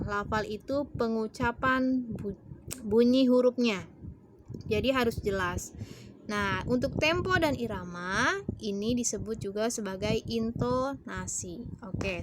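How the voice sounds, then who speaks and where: Woman teacher, clear lesson explanation, talks straight to pupils, slightly high voice, faint background noise. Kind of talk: online class lesson.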